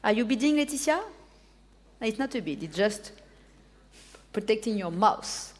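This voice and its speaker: A woman's voice: mid-range voice, expressive, moderate pace. A woman auctioneer with a French accent, a native French speaker, calling bids live, repeating figures and prompting bidders by name.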